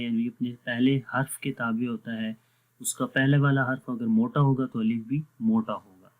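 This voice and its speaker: A man with a medium-pitched voice teaches an online Quran recitation lesson, explaining step by step and posing questions to the class that he then answers himself. The audio is tinny, as if from a phone.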